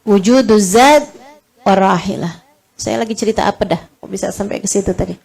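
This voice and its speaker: A woman's voice: medium pitch, moderate pace, gravelly, a little hiss or hum. A woman preacher, telling stories in a sermon with emotion and casual jokes, calling her listeners friends. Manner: emotional storytelling, softens to a hush when quoting comfort; chatty and joking, addresses audience as friends. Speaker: Islamic preacher. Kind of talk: sermon storytelling.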